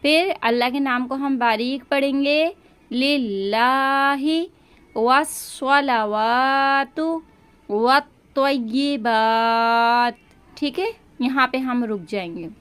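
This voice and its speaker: A woman's voice: high voice, lively intonation. A woman giving a step-by-step religious lesson, speaking patiently and stretching words out to show how they should be pronounced. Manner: slow and patient, drawing out words to demonstrate pronunciation. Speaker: religious teacher.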